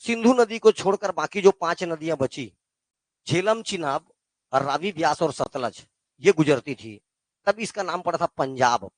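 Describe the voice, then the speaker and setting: A man's voice: a little high, animated, a little slow, no echo. A male teacher with a Chhattisgarh Hindi accent, giving a classroom geography lesson and quizzing his students with call-and-response questions. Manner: addresses students as "beta".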